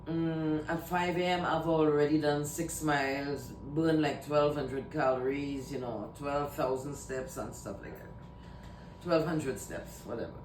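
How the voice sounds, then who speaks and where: Talking to camera in a loose, rambling way, a vlogger from Trinidad and Tobago with a Trinidadian accent often says things twice. She speaks a little slowly, with a steady, darkish tone, recorded at a distance in an echoey room with a faint rumble.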